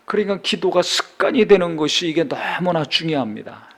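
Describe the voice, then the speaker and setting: A middle-aged man preaching a sermon as a pastor, with a gravelly edge to his voice. He reads scripture aloud, then asks his listeners questions and answers them himself. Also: fairly high pitch, big pitch swings, brisk, a bit bright.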